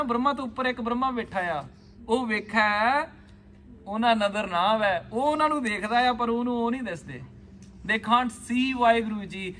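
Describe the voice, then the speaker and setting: High-voiced man teaching a scripture class. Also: pushed and bright, a little hiss or hum. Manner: patient, calls students by name, asks questions. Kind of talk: class lesson mixing Punjabi and English.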